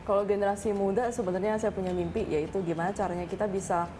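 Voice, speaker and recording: A woman's voice: medium pitch, fairly even intonation, over music. A young woman from Indonesia, a paper-cutting artist, explaining her work in a TV interview. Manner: fast, earnest, explaining with many fillers. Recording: noisy TV studio.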